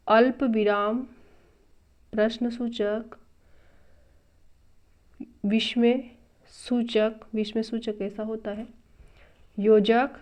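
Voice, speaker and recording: A woman's voice: fairly high pitch, darkish tone. A woman teaching a grammar lesson, patiently explaining step by step from a textbook and repeating each term. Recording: dull lo-fi recording.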